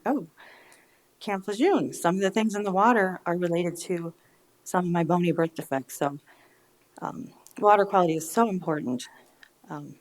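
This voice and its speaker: A woman in her fifties with an American accent gives earnest, informal public comment at a local meeting, her articulation slightly slurred by dental braces. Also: lowish voice. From United States. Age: 50s. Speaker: resident giving public comment.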